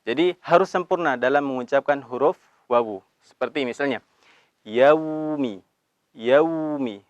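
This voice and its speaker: A man's voice: medium pitch, no room sound, dull audio. Dry-voiced man teaching Quran recitation. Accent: Indonesian. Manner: slow drawn-out recitation of verses between brisk explanations; calls himself Abi, patient instructive tone. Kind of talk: recitation lesson with chanted examples.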